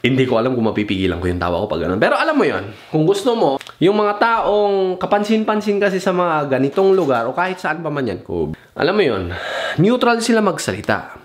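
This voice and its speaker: A young man with a fairly high, sing-song voice talks fairly quickly, vlogging laid-back advice in mixed Tagalog and English. Cursing easily and mimicking others, he rambles and forgets where he was going.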